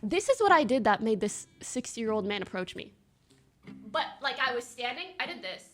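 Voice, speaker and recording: A woman streamer telling a story in casual chat to her viewers, animated and slangy, laughing often and swearing now and then. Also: fairly high pitch, moderate pace.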